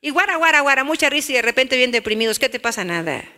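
A woman with a Mexican accent preaching a sermon, animated, with rhetorical questions and acted-out family scenes. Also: high-pitched, racing, long reverb tail. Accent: Mexican Spanish.

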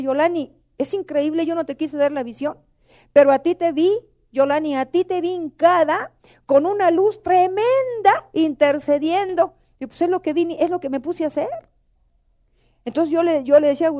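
A middle-aged woman preacher delivering an emotional, pleading sermon. Her voice sits high, with a warm, mellow tone. She keeps turning to the congregation as brothers and sisters.

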